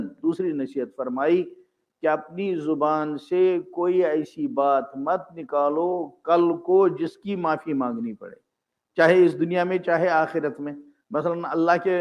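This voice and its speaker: An older man giving an earnest sermon in a mosque, explaining his points patiently and reciting Arabic phrases between them. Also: fairly high pitch. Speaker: Islamic scholar and preacher. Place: mosque gathering. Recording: dull, muffled lo-fi recording.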